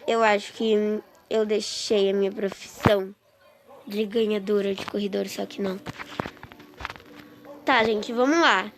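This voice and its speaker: A woman chatting excitedly and with exasperation to her viewers while commenting on a game she is playing. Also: mid-range voice, measured pace, long pauses. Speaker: gaming streamer. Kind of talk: casual gameplay commentary. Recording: noisy with clicks.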